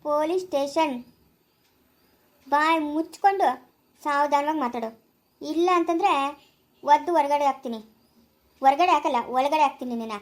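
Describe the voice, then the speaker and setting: A woman's voice: high-pitched, normal speed, pauses often, close to an everyday voice. A woman playing a harsh female police officer who scolds and threatens, in an amateur family drama. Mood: scolding.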